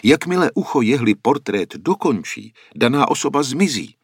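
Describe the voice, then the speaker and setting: A man's voice: mid-range voice, big pitch swings, breathy edge, dry recording, clean studio sound, voice pushed up. A man voicing an old wandering painter who explains in an earnest, solemn way. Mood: grave. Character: old wandering male painter, grave and worried.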